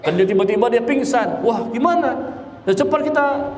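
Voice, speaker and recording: A man's voice: very high-pitched, animated, normal speed. A tired man giving an Islamic lecture and answering audience questions, with joking asides and rhetorical questions. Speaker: Islamic religious teacher. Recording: roomy hall reverb with faint noise.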